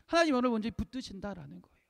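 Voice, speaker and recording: A man preaching a sermon, emphatic, repeating key phrases and swinging between loud peaks and hushed lines. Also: sits high, very animated, racing, vocal fry. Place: church sanctuary. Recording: long reverb of a church hall.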